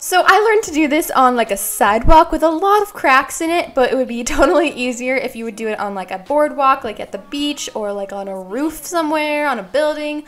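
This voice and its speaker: A woman's voice: sits high, animated, fairly quick, hardly any pauses, fairly bright tone, faint music behind. A young woman talking casually to camera as a lifestyle vlogger, bubbly and chatty with lots of filler words. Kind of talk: casual vlog talk to camera.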